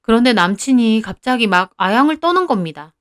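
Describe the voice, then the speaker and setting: A woman's voice: a little high, animated, fairly quick, fairly bright tone, no echo, studio quality. A young woman narrating a first-person story in a confiding, conversational way.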